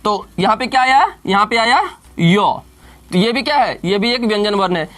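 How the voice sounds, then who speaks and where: Male tutor, self-questioning style, slow letter-by-letter spelling for a grammar class. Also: high-pitched, a bit bright. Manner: keeps posing questions and answering them himself. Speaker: teacher.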